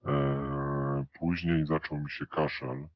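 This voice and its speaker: A man's voice pushed electronically down to an unnaturally deep, rumbling pitch to hide who he is. He talks slowly and hesitantly, filling pauses with drawn-out "e" sounds. The audio is dry, dull and muffled. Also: flat delivery, no echo. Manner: hesitant, with many drawn-out "e" fillers. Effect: voice pitched down electronically to disguise it. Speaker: interview guest. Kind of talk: recorded interview answers.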